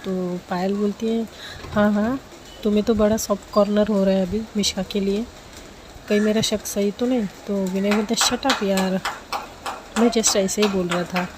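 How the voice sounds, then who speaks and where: A woman's voice: mid-range voice, steady tone, normal speed, background noise. A woman casually telling a romance story, voicing all the characters in her own plain speaking voice.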